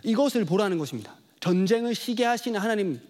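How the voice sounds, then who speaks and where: Fast-talking, high-voiced male pastor. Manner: animated storytelling, acts out child voices. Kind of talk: sermon with personal story.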